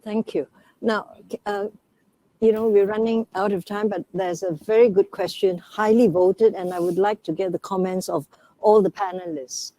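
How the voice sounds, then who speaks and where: A woman moderating a panel discussion, gently inviting speakers and reading out audience questions. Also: medium pitch, fairly even intonation, normal speed.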